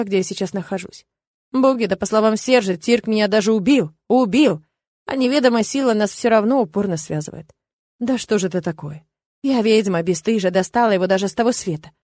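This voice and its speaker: Woman narrating a novel, ironic and lively. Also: mid-range voice, dry recording, studio quality. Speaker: audiobook narrator. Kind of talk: first-person novel narration.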